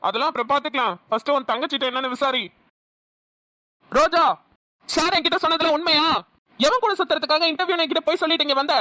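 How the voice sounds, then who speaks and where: A woman's voice: sits high, fast, long pauses, pushed and bright, dry recording. A woman voicing a stern older brother, a policeman, in a cartoon, who scolds and demands answers with a Namakkal Tamil accent. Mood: scolding.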